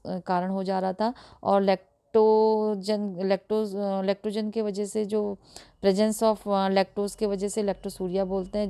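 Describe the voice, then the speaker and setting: A woman teaching a nursing lesson, explaining slowly with frequent pauses, filler sounds and restated terms. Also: medium pitch, vocal fry, warm tone, smooth. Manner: hesitant, fills pauses with "uh", repeats and restates terms. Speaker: nursing tutor. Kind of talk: explanatory lecture in Hindi mixed with English terms.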